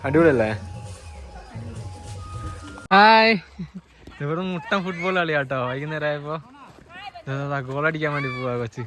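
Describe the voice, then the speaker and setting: Walking through the hills and a village market on a tea estate, a man vlogs his travels in a chatty, guiding way, often ending sentences with "you know." His voice is a little high and a bit bright, at a normal speed with long pauses, and faint music plays behind him.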